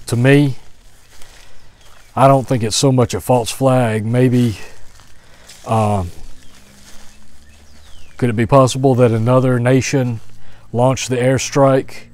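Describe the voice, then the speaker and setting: A man's voice: mid-range voice, steady tone, slow, pauses often. Man musing aloud on a woodland walk. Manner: thinking out loud, hesitant with restarts. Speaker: vlogger. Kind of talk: walk-and-talk commentary. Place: outdoors in spring woods, walking. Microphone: phone held at arm's length.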